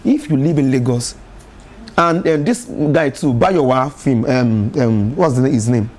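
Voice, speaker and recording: A Nigerian man with a Nigerian English accent, a gospel artist telling lively stories as a talk-show guest, often laughing and repeating words. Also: medium pitch, measured pace. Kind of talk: casual talk show conversation. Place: television studio.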